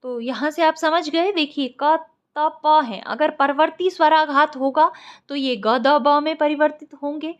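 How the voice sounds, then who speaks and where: Woman, high voice, exam-prep lecturer, step-by-step explanations. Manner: explains step by step, repeats key points. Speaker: Sanskrit teacher.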